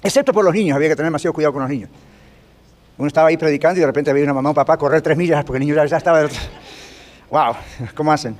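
A man gives a sermon-style Bible lesson to his congregation. His voice sits a bit high, and he speaks very quickly. His tone is conversational, and he keeps turning to the listeners with questions. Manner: rapid, conversational, asks the audience questions often. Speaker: pastor teaching a church class. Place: large rented gym used for church meetings.

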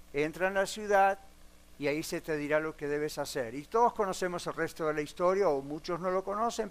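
A man preaching a sermon in a church, speaking earnestly and putting direct questions to the congregation, with a few English words mixed in. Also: on the high side. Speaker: pastor. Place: church sanctuary. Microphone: broadcast on radio and online.

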